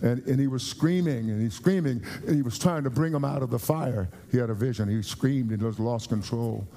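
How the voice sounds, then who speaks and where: A man from the United States preaching a sermon earnestly, often repeating and restarting phrases and slowing down to stress a point. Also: medium pitch, gravelly, warm tone. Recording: long hall reverb.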